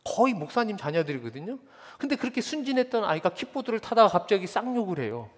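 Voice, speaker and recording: A male pastor preaching a sermon, his voice a touch higher than most men's and bouncing all over with expression. He tells stories animatedly and slips into impressions of kids and teens. The sound carries a long reverb from a large church sanctuary. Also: fast talker, husky. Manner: animated storytelling, mimics children and teens.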